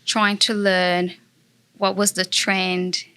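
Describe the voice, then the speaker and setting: A woman's voice: mid-range voice, little pitch movement, slow, bright, forceful tone, clean tone. A woman from Brazil with a Brazilian Portuguese accent, a guest chatting in an interview in an earnest way with many fillers. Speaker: guest, property investor. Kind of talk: casual interview chat.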